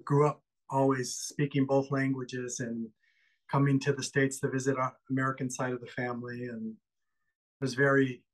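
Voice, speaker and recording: Relaxed man from Ecuador. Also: mid-range voice, moderate pace, poor audio. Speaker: musician, interview guest. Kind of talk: casual interview conversation.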